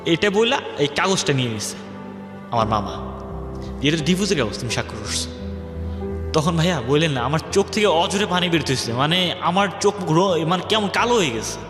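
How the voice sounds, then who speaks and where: His voice is fairly high and animated, a touch fast, as this young man tells his life story on a radio show and acts out the words of others while drifting from point to point. The audio carries hall-like reverb over underlying music.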